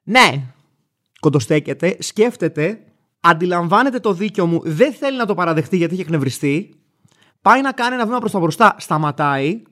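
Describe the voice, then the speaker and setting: A man in his thirties from Greece, hosting a show and telling an everyday story in a wry, animated way, acting out the other people's lines. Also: sits high. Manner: wry, animated, acts out dialogue in a raised voice. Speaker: radio show host. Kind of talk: casual storytelling monologue.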